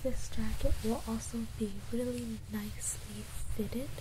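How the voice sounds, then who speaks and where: Soft-spoken woman doing ASMR role-play as a personal shopper, really slow and gentle, noisy recording. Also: on the high side, steady tone. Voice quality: soft, breathy, often soft-spoken. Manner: gentle personal shopper presenting clothes to a client.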